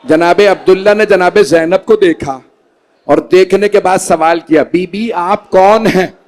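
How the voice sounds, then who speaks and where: A man with a very high, piercing voice leads a mournful sermon, unhurried and drawn out, his words stretched slowly. He pleads and rises into impassioned wailing cries. A congregation murmurs faintly around him in a large hall. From Pakistan. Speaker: Shia cleric reciting a majlis.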